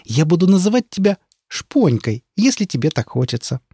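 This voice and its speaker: A male narrator voicing a fussy, kind elderly village woman who exclaims and frets in a high voice. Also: very animated, moderate pace, dark tone, slightly rough, dry recording, exaggerated voice. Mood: pleading.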